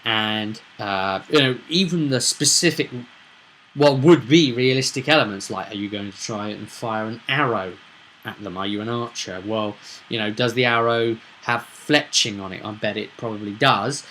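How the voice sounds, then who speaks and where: His voice is fairly low and fairly bright, his pace moderate, and the poor audio has a little hiss or hum. He is a game master casually recapping a tabletop roleplay session in a rambling vlog monologue, stressing points and asking rhetorical questions.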